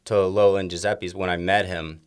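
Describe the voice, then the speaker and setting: A man with a very low voice tells stories from his kitchen in a relaxed podcast interview. He rambles, circles back and restarts his sentences. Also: moderate pace, clear, resonant tone. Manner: rambling storyteller with many restarts and fillers. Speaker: chef and restaurant owner.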